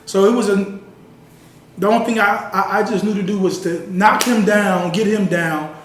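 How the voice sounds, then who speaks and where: A man's voice: high voice, steady tone, normal speed. A man giving a sit-down interview, telling a personal story in an earnest, conversational way and often saying "you know.". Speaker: interview guest. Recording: roomy sound from a distant mic with faint ambience.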